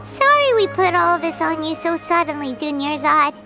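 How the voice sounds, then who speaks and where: A woman voicing a tiny, excitable floating companion sprite in a game, with a squeaky, chirpy manner. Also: normal speed, over music, exaggerated voice. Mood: apologetic. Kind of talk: game voice acting.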